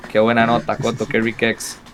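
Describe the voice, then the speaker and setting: A man's voice: on the low side, fairly quick, a little hiss or hum. A young man with a Costa Rican accent, a streamer telling stories in a casual, slang-heavy interview chat. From Costa Rica. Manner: slangy, animated storytelling.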